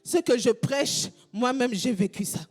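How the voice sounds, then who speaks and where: A woman pastor from Congo preaching a fervent sermon, repeating phrases in a half-sung shout. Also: a little high, unhurried, soft background music.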